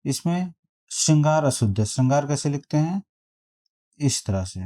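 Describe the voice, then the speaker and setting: A man teaching a spelling lesson, reading out quiz options and repeating each word slowly to compare them. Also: a little high, lively intonation, dark tone. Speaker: exam prep teacher.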